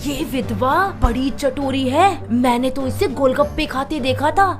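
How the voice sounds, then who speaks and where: A woman's voice: high voice, a little slow, over music. Woman doing a taunting cartoon gossip. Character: spiteful gossiping woman in a temple crowd.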